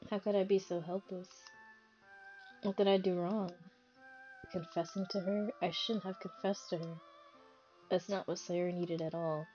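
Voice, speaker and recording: A young woman streams a visual novel, reading its lines aloud in a fairly low voice and cutting in with loud reactions of her own. The stream audio is dull and lo-fi, with soft game music underneath. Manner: reads game text in a measured voice, breaking into loud reactions.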